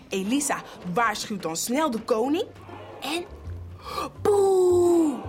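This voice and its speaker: A woman telling a Bible story to children in a playful, animated way, now and then speaking straight to the listener. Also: high voice.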